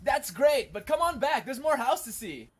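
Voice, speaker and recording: A man voicing a goofy, cheerful male housemate in a squeaky, sing-song voice, heard from off mic. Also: very animated, moderate pace, a little hiss or hum.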